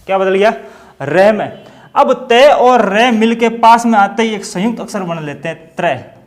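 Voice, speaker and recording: A man's voice: sits high, animated, normal speed. A man with a Hindi accent teaching a grammar lesson, explaining step by step and asking questions that he answers himself. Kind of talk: classroom-style grammar lesson.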